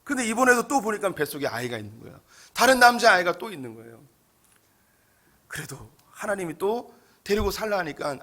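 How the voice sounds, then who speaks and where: A male pastor preaches a sermon with bright, forceful energy, his voice sitting slightly high. He tells the story in a lively, frank manner.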